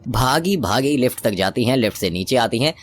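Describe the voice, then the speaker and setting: A man's voice: mid-range voice, expressive, brisk, slight background noise. A man narrating a horror story in a conversational, dramatic storytelling manner.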